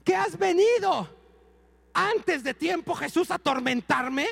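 Guy doing a cheeky possessed zombie, whines in a drawn-out sing-song, very high and gravelly. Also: animated, a bit bright, long reverb tail, exaggerated voice. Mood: pleading, cheeky. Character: fierce demon-possessed male zombie, brash and pleading.

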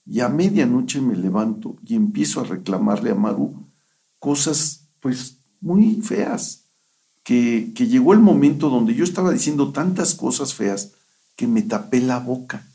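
Middle-aged guy, gravelly voice, earnest testimony, acts out his old lines, mid pitch. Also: expressive, measured pace, warm tone. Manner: earnest storytelling, often re-enacting his own past words. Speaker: guest giving a testimony. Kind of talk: personal testimony in a radio interview.

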